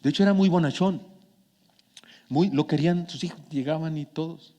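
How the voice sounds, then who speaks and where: Mexican male preacher, chatty storytelling sermon that drops quiet then pushes emphatic, somewhat high-pitched, ringing hall. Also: moderate pace. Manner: conversational, swings from hushed to emphatic. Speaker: pastor. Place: church sanctuary. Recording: long church hall reverb.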